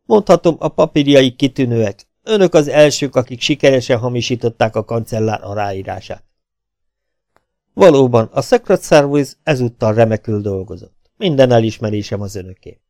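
A man's voice: medium pitch, lively intonation, darkish tone, dry recording, studio quality, lightly acted. A man voicing a sly male villain baron who taunts his captives in a smug, raised voice. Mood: smug taunting.

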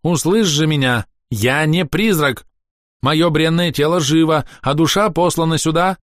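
A man voicing a pompous male elf sorcerer who loudly pleads and wails in declamatory outbursts. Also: unhurried, no echo, clean studio sound, natural voice. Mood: solemn pleading. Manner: shrill, declamatory wailing.

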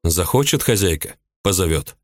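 A man narrating a novel as an audiobook in an expressive storytelling read. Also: sits low, normal speed, dry recording, clean studio sound.

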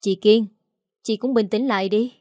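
A woman voicing a male neighbor who reasons and calms a quarrel. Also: mid-range voice, moderate pace, no room sound, studio quality, natural voice. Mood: calming. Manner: soothing, reasoning. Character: calm older male neighbor, peacemaker.

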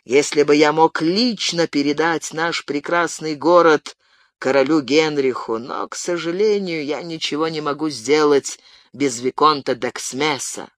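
A man's voice: fairly high pitch, unhurried, fairly bright tone, no echo. A stern, brooding townsman speaks with clipped force, his voice dry and close-miked. A man reads him in a storybook reading. He sounds proud and bitter. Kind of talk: audiobook character voice.

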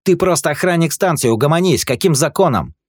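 A man voicing a brash young male sidekick who angrily shouts demands. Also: fairly high pitch, expressive, brisk, no echo, studio quality, pitched above the performer's own voice. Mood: defiant. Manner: angry, shouting, defiant.

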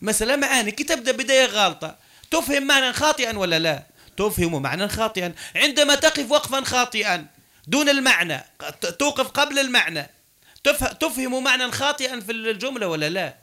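A man's voice: very high-pitched, animated, quick pace, pushed and bright. A man teaching a class with an Algerian Arabic accent. He mixes dialect with classical Arabic and keeps asking his students questions as he explains. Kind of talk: classroom lecture.

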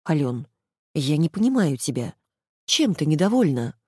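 A woman voicing a gentle, timid young woman who speaks softly and placatingly. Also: sits low, very animated, normal speed, slightly rough, dry recording, studio quality, exaggerated voice. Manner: soft, placating.

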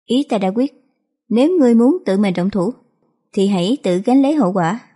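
A woman's voice: mid-range voice, expressive, a little fast, warm tone, slightly rough. A woman voicing a cold, ruthless young empress who speaks in clipped, commanding lines.

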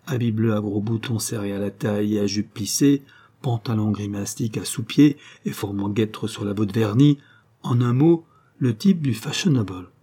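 A man narrating a classic novel as an audiobook, with a measured, expressive reading. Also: lowish voice, slightly rough.

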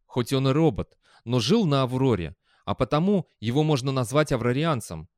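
A careful, persistent detective, as a male audiobook reader puts him on. He presses his point in a measured, polite tone, recorded dry and close. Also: medium pitch, expressive, a little mellow, no room sound, lightly acted. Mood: insistent.

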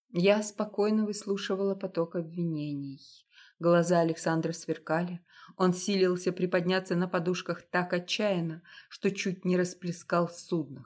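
A woman with a somewhat low voice reads a first-person novel aloud. Her storytelling is steady and measured. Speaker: audiobook narrator.

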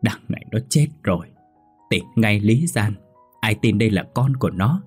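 A man's voice: fairly low pitch, expressive, moderate pace, slightly rough, soft background music. A man voicing a middle-aged mother who cries and pleads with her daughter. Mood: tearful pleading. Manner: weeping, pleading.

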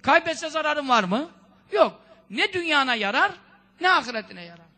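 A preacher with a strikingly high, ringing voice delivers a conversational sermon. He scolds his listeners with one rhetorical question after another and drops in Arabic sayings as he goes. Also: very animated, moderate pace, pushed and bright. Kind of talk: religious sermon talk.

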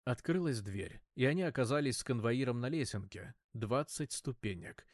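A man narrates an audiobook in a wry, chatty manner and sometimes catches and corrects a word. His voice sits at an ordinary middle pitch. The recording is close and dry, with no room sound. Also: lively intonation, moderate pace, no room sound. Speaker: audiobook reader.

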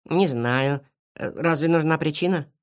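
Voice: mid-range voice, a little slow, close to an everyday voice. A storybook reader voicing a modest young male hedgehog who talks plainly.

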